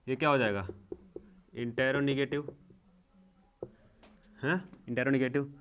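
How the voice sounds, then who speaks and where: A young man teaching English grammar in a slow, repetitive way, checking in often. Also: medium pitch, fairly even intonation, a bit bright, clear, resonant tone. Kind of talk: classroom-style grammar lesson.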